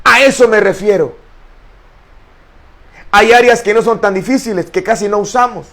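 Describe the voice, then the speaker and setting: A middle-aged man preaching a sermon as pastor, impassioned and rising toward shouting at its peaks, often restarting his words. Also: high-pitched, normal speed. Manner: restarts and stumbles over words.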